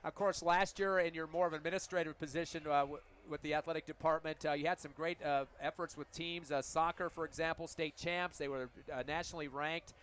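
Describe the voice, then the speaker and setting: Man, sports broadcaster, halftime interview host, folksy and joking, quick talker, faint stadium noise behind. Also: on the high side, fairly even intonation, fairly bright tone. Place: stadium press box.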